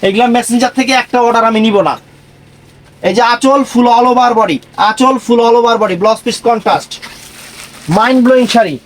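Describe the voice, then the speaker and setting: Male online seller, high-pitched, emphatic repetitive live pitch. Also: brisk, slight background noise, poor audio.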